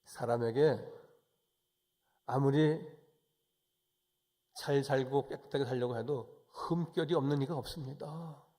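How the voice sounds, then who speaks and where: A male pastor giving a Sunday sermon, moving from calm, chatty explanation to forceful, raised exhortation. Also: medium pitch, measured pace, pauses often.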